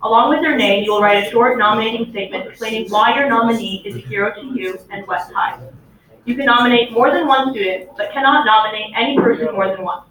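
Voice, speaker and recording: A school announcer reading the daily announcements over the intercom in a clear, measured way, repeating the key details. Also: mid-range voice, a crowd in the background. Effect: school intercom loudspeaker. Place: classroom, heard through a ceiling speaker. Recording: echoey distant loudspeaker in a noisy classroom.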